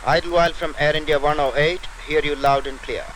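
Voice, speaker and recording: A jet pilot on the radio, clipped call signs, slightly high voice, hissy old radio. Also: male voice, fairly even intonation, a little fast. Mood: routine. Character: calm male jet airliner pilot. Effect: voice over an aircraft radio transmission. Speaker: airline pilot. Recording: noisy old radio transmission.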